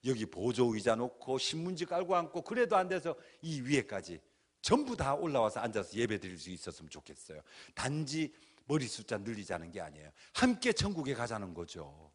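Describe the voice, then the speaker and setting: A man preaching a dramatic testimony sermon in a church, swinging from hushed tones to shouted pleas. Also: mid-range voice, sing-song, fairly quick. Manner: acts out his own pleas and cries. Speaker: guest speaker at a church revival. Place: church sanctuary.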